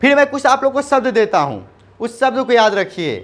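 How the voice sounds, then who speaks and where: A man teaching spoken English in Hindi, slowly repeating short English phrases for students to copy. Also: extremely high pitch, big pitch swings, a bit bright. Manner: drills phrases slowly, repeating them aloud.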